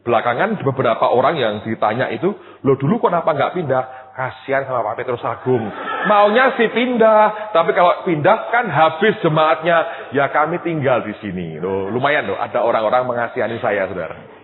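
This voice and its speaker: A male pastor preaching a sermon, telling a personal story with lively quoted voices and addressing the congregation directly. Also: mid-range voice, moderate pace. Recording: tinny phone-like sound with long hall reverb.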